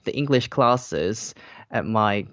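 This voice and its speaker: A man's voice: lowish voice, expressive, takes it slowly, fairly bright tone, no echo. A young man from South Korea with a Korean accent, a native Korean speaker giving casual, hesitant interview answers full of repeated phrases and filler words. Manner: hesitant, repeats phrases, frequent "like" and "you know". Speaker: interview guest, YouTuber. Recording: slightly dull, lo-fi audio.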